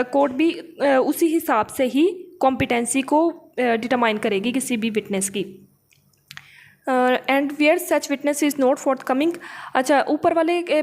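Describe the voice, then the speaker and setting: This woman's voice is a little high and slightly mellow. Teaching law, she reads English legal text and then breaks it down in an explanatory lecture, regularly tossing in short tag questions.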